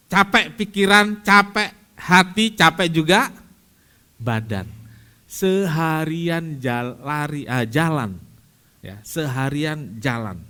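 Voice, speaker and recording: A man preaching a sermon at a church service, animated and speaking straight to the congregation with frequent direct questions. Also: mid-range voice. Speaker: pastor.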